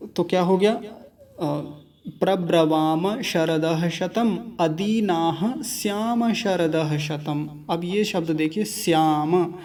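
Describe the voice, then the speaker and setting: A man teaching the pronunciation of a Vedic mantra, explaining each word and then repeating its syllables slowly and deliberately. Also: a little high, darkish tone. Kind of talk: slow, careful pronunciation lesson.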